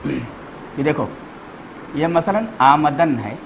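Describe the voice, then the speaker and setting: A man teaching a grammar class, repeating each word slowly and spelling out letters and vowel marks for his students. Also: on the high side, expressive, creaky, slight background noise, rough recording.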